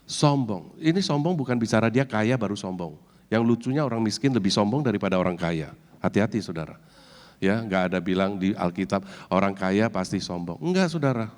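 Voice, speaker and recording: Lively male church elder preaching. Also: on the low side, fairly quick. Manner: animated, mixes in English words, addresses congregation directly. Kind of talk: sermon. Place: church hall. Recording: long church-hall reverb.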